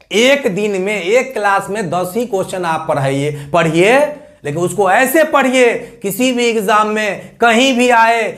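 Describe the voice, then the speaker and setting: A man teaching a reasoning class, coaxing students with questions he answers himself and muttering sums under his breath. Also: high-pitched. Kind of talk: classroom lecture.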